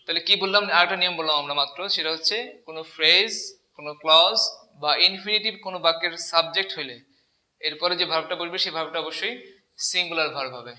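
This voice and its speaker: High bright-voiced male teacher. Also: quick pace. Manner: asks the class questions and repeats key words. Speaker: English teacher. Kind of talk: classroom grammar lesson. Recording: echoey room.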